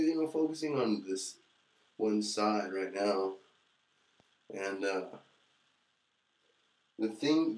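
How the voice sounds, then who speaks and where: A man chatting casually to camera as a vlogger, in a halting, rambling, laid-back way, in a very echoey room. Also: sits low, darkish tone. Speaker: vlogger reviewing hair pomade.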